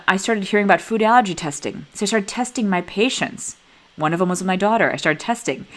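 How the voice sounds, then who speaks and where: A woman in her forties, a neurologist, giving a conversational teaching talk with personal stories. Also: medium pitch. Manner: animated, conversational, acts out dialogue in stories. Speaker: neurologist teaching a master class.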